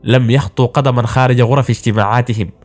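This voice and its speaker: A man narrating an anime plot recap in a brisk storytelling style, with casual asides. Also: mid-range voice, steady tone, darkish tone, faint music behind.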